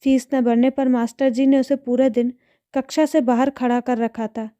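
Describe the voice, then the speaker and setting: A poor housemaid and mother pleads, ashamed and tearful, in a storybook tale, as a woman reader puts her on. The voice is high and very mellow, recorded close and dry. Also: little pitch movement, moderate pace, no echo, close to an everyday voice. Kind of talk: storybook narration.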